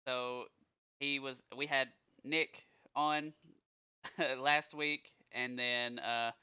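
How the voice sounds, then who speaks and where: A man co-hosting a podcast in casual chat, encouraging and quick to give shout-outs. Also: medium pitch, little pitch movement, clear, resonant tone. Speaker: podcast co-host. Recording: dull lo-fi sound.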